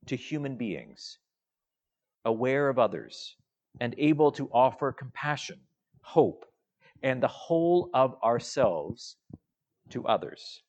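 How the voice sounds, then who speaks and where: A man delivers a sermon at an unhurried pace, lingering on his words. His voice sits at a middling pitch and fades gently at the close of each phrase. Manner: slow, measured, with soft trailing phrase endings. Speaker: preacher.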